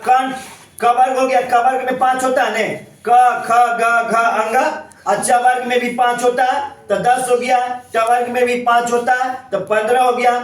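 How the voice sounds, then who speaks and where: High-voiced teacher in an echoey classroom. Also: male voice. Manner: repetitive, asks questions constantly. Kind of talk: classroom grammar lesson. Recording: echoey room, voice from far off.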